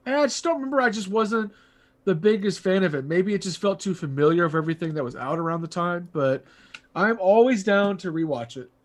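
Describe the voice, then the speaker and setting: A high-pitched man chatting casually about horror films. He rambles, laughs a lot and throws in crude jokes as a podcast co-host. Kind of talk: casual horror movie chat.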